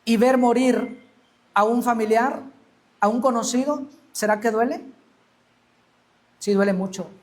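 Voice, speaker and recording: A man's voice: very high-pitched, a little slow, long pauses. A male preacher delivering an emphatic sermon, acting out the Bible scenes he tells. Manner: emphatic, acts out quoted Bible speech.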